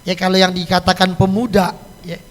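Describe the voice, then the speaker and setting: A man's voice: high voice, flat delivery, moderate pace, long reverb tail. A man with a Jakarta Betawi accent, a cleric giving a casual, joking sermon to a weekly study circle in a mosque. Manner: chatty and joking, laughs at his own stories. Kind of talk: casual sermon on a religious book. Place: mosque hall.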